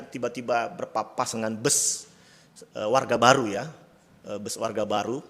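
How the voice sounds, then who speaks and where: A man's voice: mid-range voice, a bit bright, in a large hall. A male pastor preaching a sermon in a church, conversational and laced with self-deprecating humor. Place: church sanctuary.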